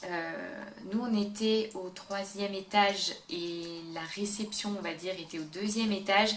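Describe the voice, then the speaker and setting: A woman's voice: medium pitch, fairly even intonation, measured pace. Chatty woman vlogger in a roomy room. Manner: chatty and upbeat, with frequent hesitations. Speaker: beauty and travel vlogger. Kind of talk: casual face-camera travel tips chat. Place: indoor room, talking to camera. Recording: roomy echo with faint background hum.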